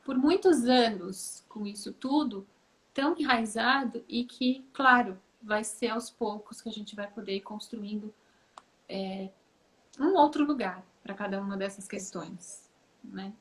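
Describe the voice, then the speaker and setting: A woman therapist speaking as a guest in a conversation, thoughtful, pausing with fillers to find her words, over a video call. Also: mid-range voice.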